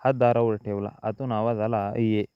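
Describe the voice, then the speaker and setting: Male story narrator, mid pitch, unhurried and even, lo-fi dry recording. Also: no room sound. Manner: slow, even first-person storytelling. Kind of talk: scripted audiobook narration.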